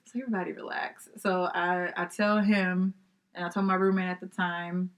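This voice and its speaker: Woman, young adult, podcast guest, casual storytelling, animated, quotes in other voices. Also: fairly low pitch, measured pace. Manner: animated, acts out quoted voices, laughs often.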